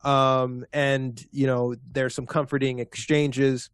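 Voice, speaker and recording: A man narrates as game master of a tabletop role-playing game, pausing often with fillers. His voice is dry and close, with no room sound, at an ordinary middle pitch. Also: level tone, clear, resonant tone, no room sound. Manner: hesitant, many fillers.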